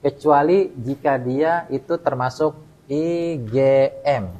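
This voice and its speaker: A man's voice: on the high side, slow, a little mellow, low-quality recording. A man teaching Arabic grammar at a mosque study session, quizzing students by name and leaving words unfinished for the class to complete. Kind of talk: classroom lecture with call-and-response drilling.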